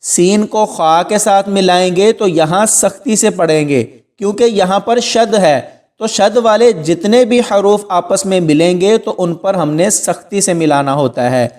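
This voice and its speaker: A man teaching correct pronunciation for recitation, explaining each sound and slowly drawing out the words as he models them. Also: high voice, a little mellow. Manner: instructive, slow drawn-out recitation of Arabic words. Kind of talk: tajweed lesson, explaining pronunciation.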